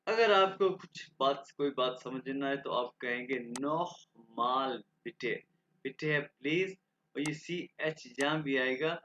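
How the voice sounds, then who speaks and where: A man from Pakistan teaches a language class in a bright, sharp voice pitched a little high. He spells out letters and phrases at an unhurried pace, repeating them for students to copy. The recording sounds dull and lo-fi. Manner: repeats words slowly for learners to copy. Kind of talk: online language lesson.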